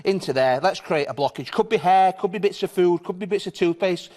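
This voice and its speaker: A British man gives a home shopping host's demonstration in a moderately high voice. He talks informally and reassuringly, walking viewers through each step in plain instructions. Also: brisk, a little mellow. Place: television studio.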